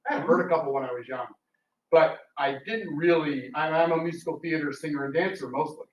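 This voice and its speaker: On a live panel at a public library talk, a man who performs radio theatre chats casually, telling stories in a theatrical way. His voice is on the high side and a little fast. The audio is dull and roomy, picked up by a distant mic with background noise in the indoor room.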